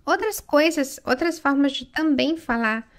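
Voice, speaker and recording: A Brazilian woman English teacher who explains phrases in Portuguese and keeps checking in with "né?" and "ok?". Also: sits high. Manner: slow, careful delivery with frequent check-ins like "né?" and "ok?"; reads English lines aloud slowly and clearly.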